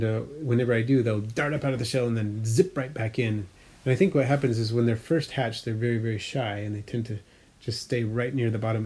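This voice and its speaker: A man with a medium-pitched, warm voice and a breathy edge chats casually about his fish tanks. An aquarium hobbyist vlogger, he rambles a bit, corrects himself, and leans on fillers while explaining hobbyist details.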